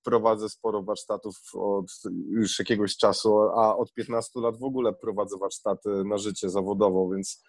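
A man's voice: fairly low pitch, steady tone, moderate pace, dry recording. A man who runs workshops, talking in a casual podcast chat, hesitant and full of fillers and restarts. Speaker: podcast co-host, workshop leader.

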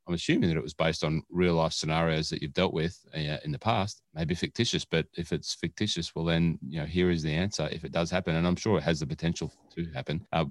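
With a low voice and no room sound, an Australian man co-hosts a casual podcast. His chat is rambling and jokey, and he often digresses.

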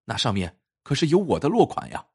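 A man's voice: mid-range voice, wildly swooping pitch, brisk, darkish tone, husky, voice pushed up, heavily acted. A man reading the part of a poor, principled male scholar who refuses his friend firmly. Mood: stern.

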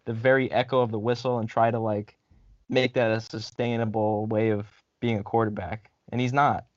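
A man co-hosting a sports podcast, chatting casually in halting, heavily profane bro slang. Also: lowish voice, level tone, no echo, lo-fi sound. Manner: slangy bro-talk, heavy swearing, halting.

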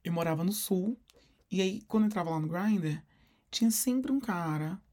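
A man with a Brazilian Portuguese accent co-hosting a podcast, telling stories in a lively way and acting out quotes. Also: sits high, moderate pace. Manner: animated storyteller, acts out quotes. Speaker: podcast co-host. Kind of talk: casual chat.

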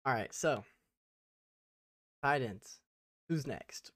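A man from Tennessee co-hosting a sports podcast in a relaxed, chatty way. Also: medium pitch, very slow, dry recording. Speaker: podcast co-host. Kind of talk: casual sports chat.

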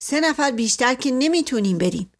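A woman's voice: high-pitched, animated, voice pushed up. A woman voicing a decisive young village man.

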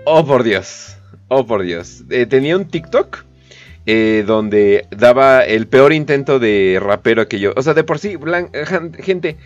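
A man with a Mexican accent hosting a podcast, giving slangy, profane, joking commentary on the news with lots of fillers. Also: mid-range voice. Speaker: podcast host. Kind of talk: casual comedic news commentary. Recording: dull lo-fi podcast audio, faint music.

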